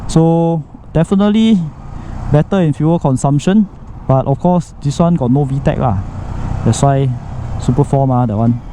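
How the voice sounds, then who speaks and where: A man's voice: fairly high pitch, moderate pace, warm tone. A Singaporean man chatting casually as a motovlogger, rambling colloquially with local particles and exclamations, his voice muffled inside a helmet. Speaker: motorcycle vlogger. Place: outdoors, riding a motorcycle inside a helmet. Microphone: microphone inside a motorcycle helmet. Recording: muffled helmet mic, road and engine noise. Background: traffic and vehicle noise.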